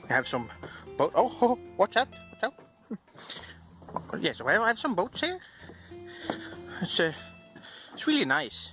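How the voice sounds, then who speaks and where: Vlogger, casual playful chat, slow pace, lively pitch. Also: over music, rough recording. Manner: playful, teasing, giggly. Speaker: vlogger filming with a friend.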